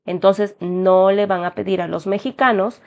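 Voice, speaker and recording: Her voice is medium in pitch, steady, gravelly, and delivered at an ordinary speed. She's a young adult woman from Peru, Peruvian Spanish accent, hosting a friendly immigration tutorial that walks "chicos" through an application form one step at a time. Sound quality is lo-fi and a bit dull.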